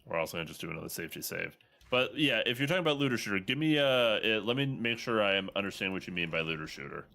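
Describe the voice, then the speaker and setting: Low-voiced man chatting through a game stream. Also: expressive, very fast, gravelly, bright, forceful tone. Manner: informal, chatty, thinking aloud. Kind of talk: casual livestream gameplay commentary, talking to chat.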